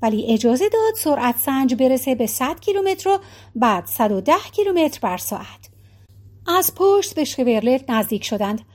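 A woman narrating a novel as an audiobook, reading in an even, measured way. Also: high-pitched. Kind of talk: scripted narration.

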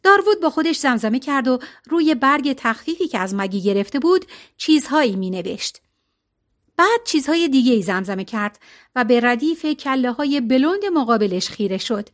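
A woman reading a novel aloud as narrator, in a calm, even way with colloquial phrasing. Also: high-pitched. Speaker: audiobook narrator.

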